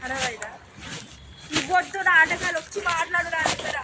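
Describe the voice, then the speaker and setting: A young woman with a Telangana Telugu accent argues with her partner, angry, scolding and threatening. Her voice sits high and the words come out quickly. Faint noise sits under her voice in the open air. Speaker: vlogger. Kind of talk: heated argument with partner. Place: outdoors in public.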